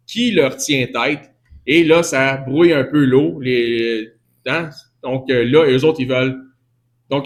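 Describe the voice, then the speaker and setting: A man with a Québécois accent giving a teaching sermon in a conversational way, often restarting and correcting himself and answering questions from the congregation. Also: mid-range voice. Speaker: preacher.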